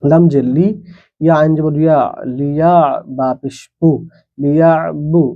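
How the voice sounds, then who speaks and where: A man's voice: a little high, fairly even intonation, unhurried, phone-quality sound. A man teaching Quran reading who spells out each letter and vowel mark, then blends the syllables, with plain explanatory asides between the drills.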